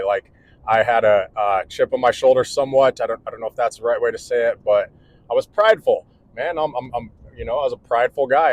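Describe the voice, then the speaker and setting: A man's voice: medium pitch, low-quality recording. Earnest rambling man in his forties. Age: 40s. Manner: rambling, earnest, restarts often. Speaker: electrical contractor vlogger. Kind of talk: casual vlog monologue. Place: indoors at home.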